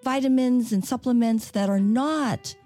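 A woman's voice: fairly high pitch, a little slow, warm tone, faint music behind. An American woman chatting in a casual group discussion in a tentative, hedging way.

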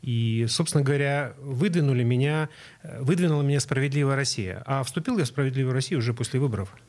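A man's voice: mid-range voice, quick pace, a little mellow. A middle-aged man from Donetsk answers interview questions hesitantly, with many filler sounds and restarts as he tells a story. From Donetsk, Ukraine. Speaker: interviewed city deputy.

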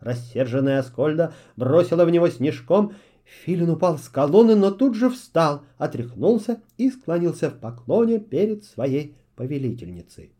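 A man narrating a fairy tale for children in an expressive, theatrical storytelling manner. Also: a little high, moderate pace. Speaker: audiobook narrator.

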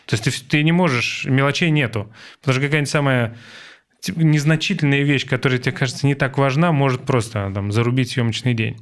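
A man in his forties hosting a casual chat, telling stories and thinking aloud with many pauses. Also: medium pitch. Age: 40s. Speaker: podcast host.

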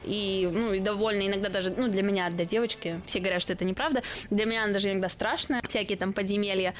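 A woman's voice: medium pitch, fast talker. A woman in her twenties from Russia, a guest streamer and esports caster, chatting casually on a podcast and telling stories with acted-out quotes. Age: 20s. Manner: lively storytelling with acted-out quotes.

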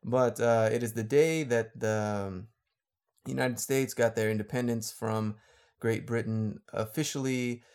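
A man's voice: mid-range voice, steady tone, measured pace, a little mellow, smooth. A man hosting a casual podcast, explaining things for listeners and laughing often. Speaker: podcast host and teacher.

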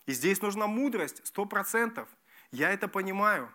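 A man preaching a sermon as pastor, emphatic and lively, repeating key phrases and restarting words. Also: high voice, moderate pace. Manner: lively, emphatic preaching with repetitions and self-corrections.

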